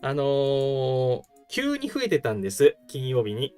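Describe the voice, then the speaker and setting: A man of middling pitch talks casually as a game streamer, his intonation rising and falling widely. He comments for his viewers over faint music. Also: huge pitch swings, a little slow, darkish tone, clean tone. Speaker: game live streamer and host.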